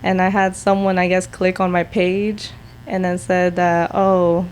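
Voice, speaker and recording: A woman's voice: on the low side, flat delivery, unhurried, darkish tone. A young woman, a tattoo artist, chatting on a podcast and telling stories in a laid-back way with many fillers. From Prince George's County, Maryland, US. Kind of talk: casual podcast chat.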